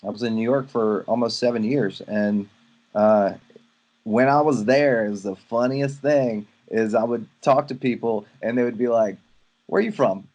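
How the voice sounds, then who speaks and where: A man's voice: mid-range voice, fairly even intonation, normal speed, a little mellow, muffled recording. A man from Louisiana with a Southern accent, mentoring someone in a rambling, filler-heavy chat over a video call. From Louisiana, USA. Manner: rambling, many fillers and restarts. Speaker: photography mentor. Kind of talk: casual video-call conversation.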